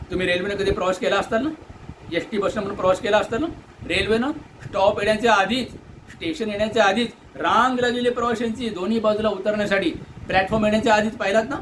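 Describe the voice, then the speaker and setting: A man from delivers an earnest complaint monologue, asking indignant rhetorical questions and mimicking shouted orders. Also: high-pitched, background noise. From India. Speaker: Buddhist monk airing commuter complaints. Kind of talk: direct-to-camera complaint monologue.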